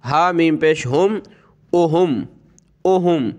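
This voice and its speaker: A man with a Pakistani Urdu accent teaching Quran reading, drawing out each recited word slowly and breaking it into letters and vowel marks, with quicker spoken explanations in between. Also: fairly high pitch, a little mellow, highs cut off. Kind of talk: spelled-out recitation lesson.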